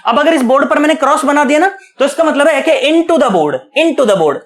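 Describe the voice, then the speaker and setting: A man teaching physics at a board, asking questions and answering them himself in a chatty, coaxing way, repeating key words slowly. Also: very high-pitched, expressive, a bit bright. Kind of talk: online lecture, explaining at a board.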